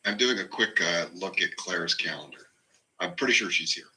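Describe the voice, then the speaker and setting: A man giving an item at an informal meeting in a halting, practical manner. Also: low-pitched, bright, forceful tone, a little hiss or hum, rough recording. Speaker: meeting participant.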